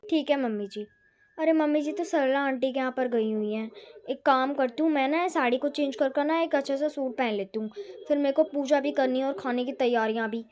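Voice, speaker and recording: A woman's voice: on the high side, brisk, dark tone, pitched below the performer's own voice, natural voice. A woman playing a touchy young daughter-in-law who complains and grumbles in a homemade family drama. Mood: grumbling. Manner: whiny, complaining.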